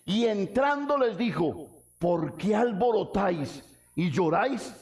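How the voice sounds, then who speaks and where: Man, pastor, sermon, high voice, calls out questions to the congregation. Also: expressive, slow. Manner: preaching with rhetorical questions to the congregation; swings from soft low lines to shouted high ones.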